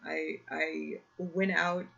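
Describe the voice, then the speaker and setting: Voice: mid-range voice, level tone, extremely slow, vocal fry, pushed and bright, highs cut off, faint music behind. Chatty host with a strained voice. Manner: rambling, self-correcting. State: slightly strained, irritated throat. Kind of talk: casual chat. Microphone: own computer mic, live video call.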